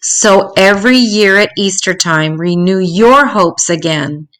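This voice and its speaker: An older woman with a medium-pitched voice reads a rhyming children's story aloud. Her delivery is expressive, dramatic, and deliberate.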